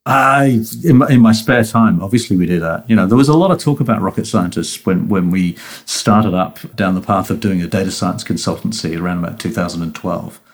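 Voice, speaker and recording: A middle-aged man, talking casually as a podcast guest. His voice sits a little low, and he tells his stories in a self-deprecating way, restarting his sentences often and laughing at himself. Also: fairly quick, few pauses. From New Zealand. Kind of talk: casual interview chat.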